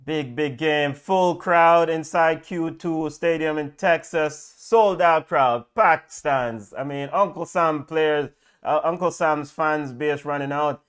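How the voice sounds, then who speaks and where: A man co-hosting a football watch-along, talking through the match in a lively, casual way with frequent fillers. His voice sits a little high and sounds smooth and resonant. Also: slow.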